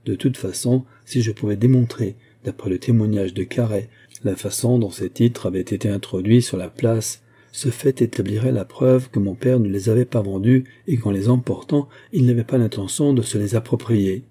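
A man reading as an anxious young man laying out his story in an audiobook. his delivery is earnest and measured. the voice underneath is very dark and husky. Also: lowish voice.

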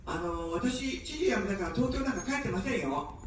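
A woman's voice: medium pitch, animated, moderate pace, background noise. A woman running for office gives an evening outdoor campaign speech in standard Japanese, mixing jokes with earnest appeals for votes. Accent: none, standard Japanese. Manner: joking then earnestly pleading. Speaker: election candidate. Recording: very echoey distant street PA sound.

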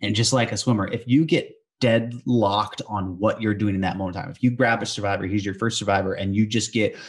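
A man's voice: on the low side, fairly even intonation, a little fast. A man in a casual podcast conversation, explaining training lessons in an emphatic, teacherly way.

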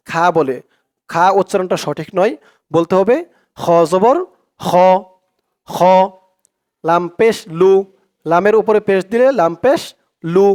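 A man's voice: high-pitched, darkish tone. A man teaching Quran reading in Bengali with a Bangladeshi accent, patiently spelling out and repeating each syllable. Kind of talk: slow step-by-step lesson.

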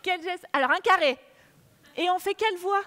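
At normal speed and an extremely high pitch, a ceremony host leads a children's awards event in a big, echoing auditorium with an audience present. She's lively and playful, urging the crowd to join in.

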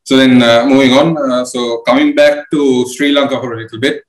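A young man interviewing a guest over a video call, asking halting questions with many fillers. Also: medium pitch, little pitch movement. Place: room with bookshelves indoors. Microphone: video call webcam. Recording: roomy webcam audio.

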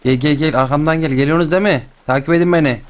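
Young man, gaming host, chatty and excitable, slightly high voice. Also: racing. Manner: chatty, excitable, jokes and exclamations. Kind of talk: playful let's-play commentary.

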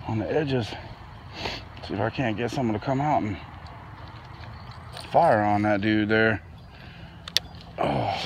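A man's voice: mid-range voice, a little hiss or hum. A man vlogging while night fishing outdoors, rambling casually about his gear and surroundings, sometimes talking to his dog. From Florida.

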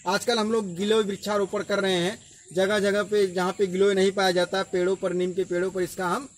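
High-voiced man explaining a plant outdoors. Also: a little hiss or hum. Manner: patient, explanatory, repeats key terms. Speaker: educational presenter.

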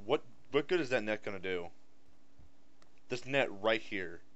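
A man's voice: fairly low pitch, animated, measured pace, a bit bright. A man giving casual playthrough commentary, sardonic, complaining and sweary. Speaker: gamer. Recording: slightly dull lo-fi mic.

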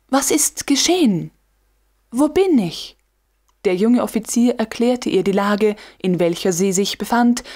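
A woman reading a classic novel aloud as an audiobook narrator, with even, measured storytelling. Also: medium pitch. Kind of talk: scripted narration.

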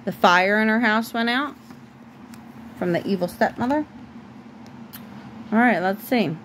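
A woman's voice: mid-range voice, unhurried, fairly bright tone, a little hiss or hum, rough recording. A woman reading a bedtime story aloud to her child at home, stopping now and then to talk with the child.

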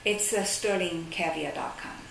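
At normal speed, a caviar company representative with a low, gravelly female voice hesitantly describes her product for an interview, groping for words amid many fillers. She sits at a desk in a sunlit office. The recording has room echo, a distant mic, and faint hiss.

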